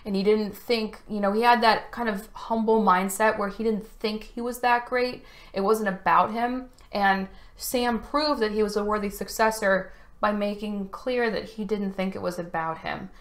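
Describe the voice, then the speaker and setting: A woman's voice: mid-range voice, fairly even intonation, moderate pace, few pauses. A woman talking casually to camera about a film at home, chatty and getting emotionally choked up at moments. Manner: emotional, chatty, choking up at times. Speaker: video reviewer. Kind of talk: casual chat. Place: home room. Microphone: camera facing speaker.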